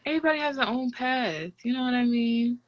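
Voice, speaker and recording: A woman's voice: a little high, a little fast, dry recording, soft background music, rough recording. A young woman from Haiti in casual chat, speaking bluntly with some swearing and frequent laughter.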